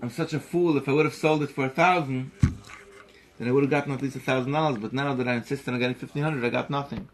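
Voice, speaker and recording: A heartbroken grown man wails over his lost chance, as a storyteller puts him on. His voice jumps up with each cry of regret. He berates himself openly and loudly. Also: mid-range voice, steady tone, quick pace, lightly acted, poor audio. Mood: lamenting. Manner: wailing, self-reproaching. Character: devastated adult male bird seller lamenting.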